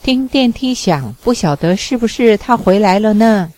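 A woman reading the lines of a protective, fussy housemaid, brisk and defensive. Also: mid-range voice, lively intonation, a little mellow, natural voice.

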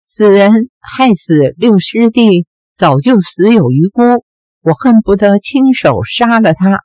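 A woman's voice: mid-range voice, expressive, takes it slowly, a little mellow, no echo. Woman doing an earnest young swordsman. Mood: pleading.

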